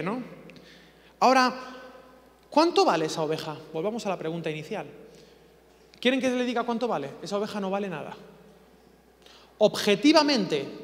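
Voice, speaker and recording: A man preaches with humor, firing off rhetorical questions. His voice sits high for a man. A long reverb of a church hall trails behind him. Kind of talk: sermon.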